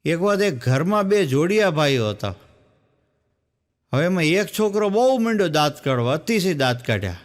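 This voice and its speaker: A male stand-up comedian, telling jokes as stories and acting out the dialogue. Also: a little high. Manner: storytelling, acts out the dialogue in his jokes. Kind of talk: Gujarati folk joke telling.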